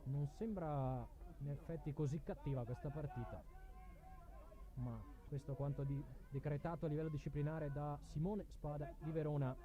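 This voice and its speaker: A man's voice: a little high, steady tone, normal speed, narrow, tinny audio. A man calling a live football match play by play, calling players' names in short bursts. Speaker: football commentator.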